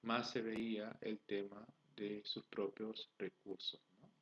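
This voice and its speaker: A Peruvian man teaches a recorded online class in a fairly low, slightly bright voice, keeping his tone level and his pace slow. He explains things step by step, poses rhetorical questions, and checks in with his students. The lo-fi recording sounds dull.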